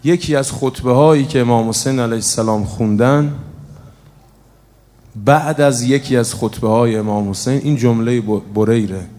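A man giving a religious sermon, telling a story in a soft, then emphatic way to a gathering. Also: medium pitch. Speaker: preacher. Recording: long hall reverb.

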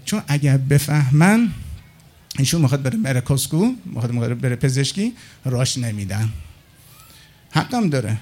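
A man's voice: medium pitch, long pauses. A middle-aged man telling anecdotes in a casual monologue, acting out the other people's lines as he goes. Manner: animated, acts out dialogue with others in his anecdotes. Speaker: storyteller.

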